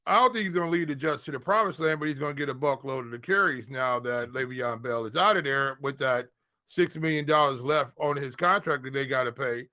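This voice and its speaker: A fantasy football podcast co-host and analyst talks casual sports, speaking colloquially and repeating phrases for emphasis. His voice is medium-pitched with a sharp tone, fairly quick, in a dry recording.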